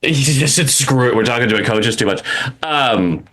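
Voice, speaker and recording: Lively-voiced man chatting on a podcast. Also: medium pitch. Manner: animated, laughs often, talks in quick restarts. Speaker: podcast co-host. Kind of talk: casual chat.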